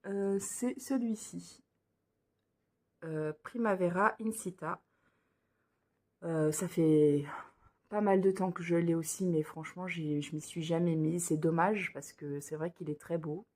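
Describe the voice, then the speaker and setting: A woman's voice: on the low side, steady tone, a little slow, mellow. A woman presenting cross-stitch patterns in a casual vlog, talking hesitantly with many fillers and restarts, indoors under a lamp. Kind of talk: casual show-and-tell vlog.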